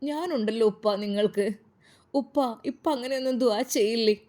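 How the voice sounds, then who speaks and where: A woman's voice: a little high, moderate pace, mellow, lightly acted. A woman voicing a tearful young son who pleads with his father in a trembling voice.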